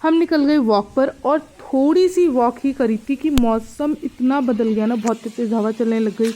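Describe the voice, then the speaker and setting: A woman's voice: fairly high pitch, unhurried, warm tone, slight background noise. Chatty young woman vlogging at home. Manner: chatty, mixing in English words. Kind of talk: casual vlog narration.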